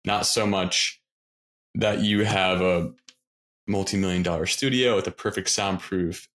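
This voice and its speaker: Deep-voiced, encouraging podcast host. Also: male voice, steady tone, measured pace, fairly bright tone. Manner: upbeat, encouraging. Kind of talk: casual interview conversation.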